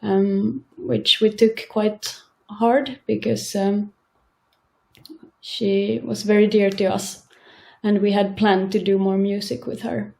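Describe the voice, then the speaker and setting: A woman, a band member, speaking in an interview in a halting, thoughtful way with many pauses. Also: medium pitch, fairly even intonation, gravelly. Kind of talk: casual interview.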